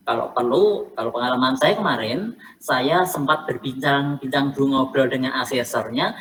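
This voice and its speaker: A woman coaching teachers for selection interviews, explaining in a casual way and repeating her key points. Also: low-pitched. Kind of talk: online coaching session talk. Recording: faint noise, somewhat distant from the mic.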